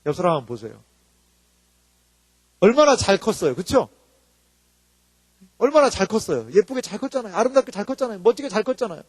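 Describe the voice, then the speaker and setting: A man preaching a sermon to his congregation, animated, often putting questions to the people. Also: sits high, fairly quick, pauses often, husky, dry recording, big-room sound. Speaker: pastor.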